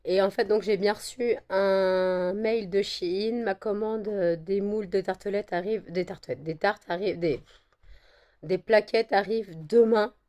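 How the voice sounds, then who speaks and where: A woman with a croaky voice from a cold, chatting casually to camera with many fillers and repeated words. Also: steady tone, unhurried, mellow. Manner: coos at her dogs in a high sing-song. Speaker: vlogger selling handmade candles and wax melts.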